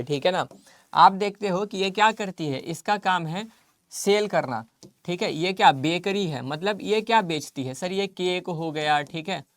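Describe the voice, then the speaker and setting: A man's voice: sits high, no room sound, studio quality. A male commerce teacher giving a casual lecture, mixing in English terms and answering the questions he puts in his students' mouths. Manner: mixes Hindi with English terms, repetitive and coaxing. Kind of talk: classroom lecture.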